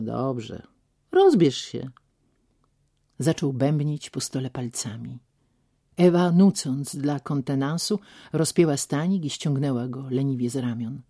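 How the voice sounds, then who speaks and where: A woman narrating a novel as an audiobook in a slow, expressive reading manner. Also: low-pitched.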